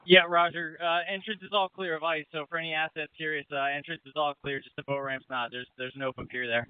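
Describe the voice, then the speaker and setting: A man on a Coast Guard boat, reporting in a matter-of-fact way with filler pauses over marine radio. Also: on the high side, fairly even intonation, clear, resonant tone, dry recording. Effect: marine radio transmission. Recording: narrow tinny marine radio channel.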